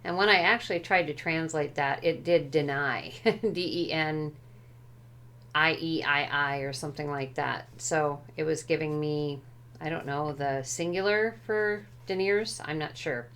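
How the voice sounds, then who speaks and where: A woman's voice: sits low, unhurried, fairly bright tone. A woman walking through a tarot deck and its book at home, speaking carefully and tentatively, often unsure how a word translates. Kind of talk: unhurried show-and-tell walkthrough.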